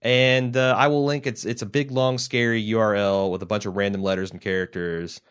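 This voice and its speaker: A man's voice: lowish voice, level tone, a little fast, a bit bright, clear, resonant tone. A man co-hosting a podcast, reading listener mail and retelling a TV scene in casual, conversational chat. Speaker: podcast co-host.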